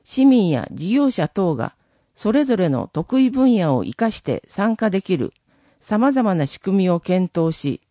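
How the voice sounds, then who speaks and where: A city council member delivering a formal prepared statement in a council session, reading it in a measured, official manner. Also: medium pitch, sing-song, warm tone, no echo.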